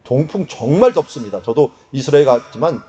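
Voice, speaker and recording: A man preaching a sermon in a conversational, lively way, sometimes acting out quotes. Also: mid-range voice, fairly quick, highs cut off. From Korea. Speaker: pastor.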